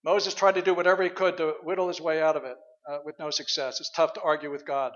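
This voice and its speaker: A man's voice: fairly high pitch, level tone, fast talker, a bit bright, long reverb tail. A man preaching a sermon as pastor in a church, speaking in a conversational, reflective way with frequent fillers. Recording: dull lo-fi sermon recording.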